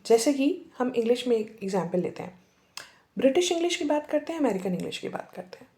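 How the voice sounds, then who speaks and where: Woman, English teacher, slightly high voice, casual lesson, English words mixed in. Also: big pitch swings, fast talker, warm tone. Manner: mixes English words into the talk, demonstrates accents.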